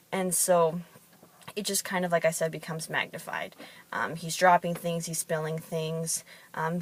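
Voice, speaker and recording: A woman's voice: fairly low pitch, no echo. A woman who works in fitness and competes in bodybuilding, telling chatty stories with frequent ums. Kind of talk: casual storytelling monologue.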